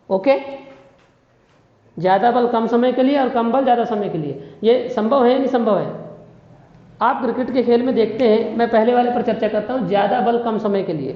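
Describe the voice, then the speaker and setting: Man quizzing listeners in an echoey room. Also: very high-pitched. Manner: questioning, quizzes listeners constantly; repeats key phrases. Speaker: physics teacher. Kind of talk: classroom lecture. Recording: dull, echoey room with long reverb.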